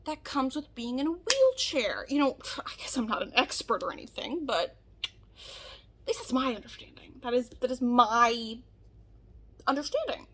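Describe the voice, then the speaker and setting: A woman's voice: high voice, big pitch swings, moderate pace. A woman reacting casually to online comments, reading them aloud in disbelief with sarcastic, mock-earnest understatement.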